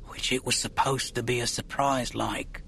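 A man's voice: mid-range voice, little pitch movement, moderate pace, vocal fry, pushed and bright, a little hiss or hum. A man reading an audiobook voices a flustered old servant woman who speaks breathlessly and fawningly, in dialect grammar.

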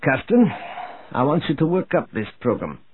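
A man voicing a calm, authoritative male military commander in an audiobook. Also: mid-range voice, normal speed, slight background noise, lightly acted. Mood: firm. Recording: tinny phone-like audio.

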